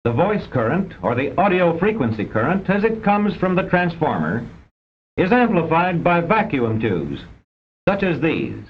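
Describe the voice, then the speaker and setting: With a husky, very animated voice at a measured pace, a man narrates a vintage educational film. He reads the script formally, precisely and didactically, over a dull soundtrack with rumbling noise.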